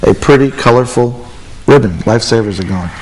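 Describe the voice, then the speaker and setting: A man's voice: mid-range voice, brisk, slight background noise, poor audio. A man presenting a kids' show with the patter of a kids party magician, explaining simply and putting questions to a child.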